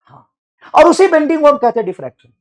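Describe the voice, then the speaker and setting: Lively male physics teacher. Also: extremely high pitch. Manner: explains step by step, slows to dictate phrases in English. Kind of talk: classroom lecture with student questions.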